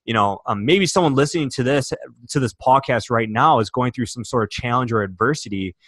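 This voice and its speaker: A man's voice: mid-range voice, brisk, fairly bright tone, no echo, clean studio sound. A young man from Michigan, a podcast guest, telling his personal story earnestly and emotionally, with many fillers and restarts. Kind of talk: candid interview storytelling.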